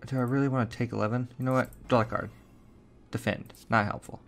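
A man's voice: medium pitch, fairly even intonation, quick pace, vocal fry. Chatty man narrating his gameplay. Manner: chatty, thinks aloud while playing. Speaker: gaming channel host. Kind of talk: casual gameplay commentary.

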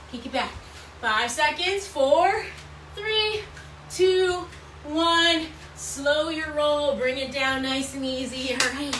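Woman, aerobics instructor, bright forceful tone, encouraging counts and repeated cues, echoey room with background noise. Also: high voice. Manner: encouraging, repetitive cueing while exercising. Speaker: fitness instructor leading a workout. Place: small bright room at home, indoors. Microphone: camera or phone several feet away. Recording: roomy, distant mic, clear background noise.

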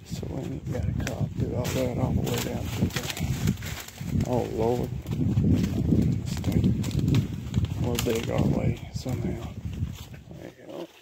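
A man's voice: medium pitch, completely flat delivery, slow, vocal fry, long pauses. A man, chatting folksily to his horse and his viewers while riding a forest trail. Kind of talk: casual spoken vlog commentary. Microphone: head- or helmet-mounted camera mic. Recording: noisy outdoor camera audio.

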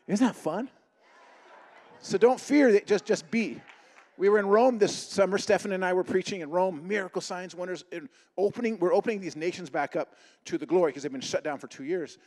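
A middle-aged man preaching with high-pitched, rapid energy. He tells his stories in an animated way and acts out the dialogue. His voice rings out in a long hall reverb. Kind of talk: humorous sermon with stories.

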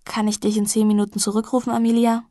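A woman's voice: on the high side, level tone, fast talker, warm tone, no echo, studio quality, natural voice. A woman reading the part of a hungover young man who talks in a stiff, formal way, as if reading out an apology.

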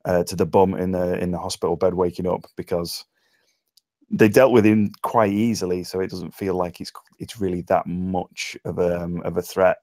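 Taking part in a table read, a man from England critiques the script informally over a remote online voice call, hesitating often and using dry humour. His low, darkish voice stays level at a moderate pace. No room sound is audible.

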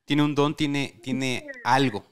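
A man's voice: mid-range voice, fairly even intonation, takes it slowly, very noisy. A man, hosting a podcast and reflecting on a caller's story in casual chat. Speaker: podcast host.

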